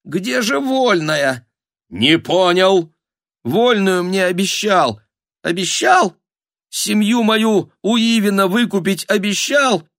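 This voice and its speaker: A man voicing a desperate serf who feels betrayed, in a strained, high voice. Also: lively intonation, slow, a bit bright, dry recording, clean studio sound, heavily acted. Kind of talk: audiobook character voice.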